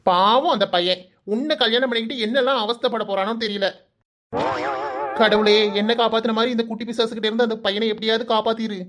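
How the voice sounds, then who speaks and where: A woman's voice: fairly high pitch, steady tone, quick pace, heavy background noise, lightly acted. A woman voicing a teasing young cartoon boyfriend. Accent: Kanyakumari Tamil. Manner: coaxing, teasing, playfully scolding. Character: young man lover, teasing and exasperated. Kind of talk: cartoon voice acting.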